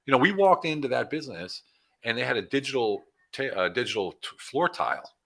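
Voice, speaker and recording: A man's voice: medium pitch, brisk, gravelly. A man from Pennsylvania, a business consultant guest, chatting casually in an interview and acting out conversations as he tells stories. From Pennsylvania, USA. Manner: animated storytelling, acts out conversations.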